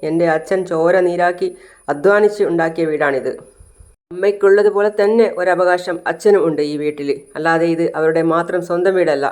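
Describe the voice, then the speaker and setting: A blunt young husband, hot-tempered and quick with a cutting remark, as a serial recapper reads him out. The delivery stays plain and close to a natural speaking voice, only a touch louder. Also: mid-range voice, close to an everyday voice. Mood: indignant. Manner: sarcastic and blunt. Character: angry young husband standing up for his wife.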